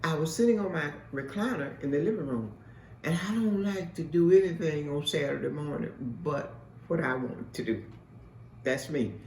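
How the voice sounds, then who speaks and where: A woman's voice: low-pitched, moderate pace, a little mellow, a little hiss or hum. A woman host telling an emphatic, repetitive testimony in a preacher-like way. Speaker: host and mentor. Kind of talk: spoken testimony. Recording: echoey room from a distance.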